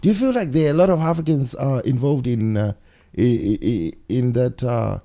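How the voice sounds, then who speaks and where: A man hosting a casual interview, asking questions in a lively way, often stammering and repeating words as he goes. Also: medium pitch, normal speed. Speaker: interview host.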